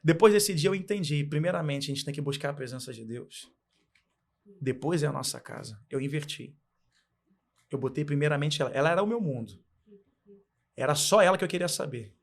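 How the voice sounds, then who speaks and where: A man's voice: mid-range voice, creaky. A young man from Brazil, telling an emotional faith testimony as a guest, earnest and heartfelt with much repetition.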